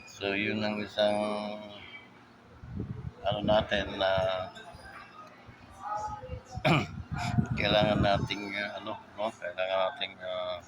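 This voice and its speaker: A man hosting a casual vlog, joking and rambling, tagging his phrases with 'no?', a bit hoarse after a recent illness. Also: lowish voice, monotone, slow pace, long pauses. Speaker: motovlogger host. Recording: vlog with loud background noise.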